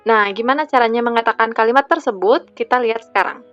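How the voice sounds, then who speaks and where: A woman with an Indonesian accent and a fairly high voice teaches Japanese grammar, repeating each example sentence slowly and patiently. Her voice-over is dry and close, a little muffled. Faint music plays under her. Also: a bit bright, no echo. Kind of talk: slide-based grammar lesson.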